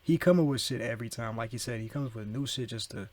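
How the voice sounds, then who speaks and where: A man's voice: mid-range voice, fast talker, darkish tone. A man streaming live, reacting to a video in loose, slangy casual chat, repeating himself and talking over it. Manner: talks over the video, slangy, repeats "bro", keeps apologizing for laughing.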